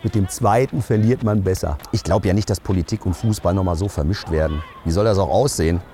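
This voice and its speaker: A man's voice: deep voice, fast talker, a little hiss or hum. A man doing a satirical comedy monologue outdoors, delivering jokes and punchlines. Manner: jokey, punchline delivery with lively swings.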